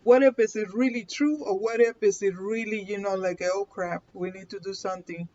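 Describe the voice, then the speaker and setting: Warm and medium-pitched, a Puerto Rican-accented woman talks at normal speed with fairly even intonation while running a casual live card reading. She laughs frequently and checks in with "okay?" over dull lo-fi audio with a bit of background noise.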